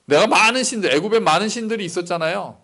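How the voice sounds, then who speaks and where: A man's voice: high voice, expressive, quick pace, bright, forceful tone, voice pushed up, heavily acted. A man voicing a proud, scornful ancient king as he retells a story in a sermon, dismissive and contemptuous.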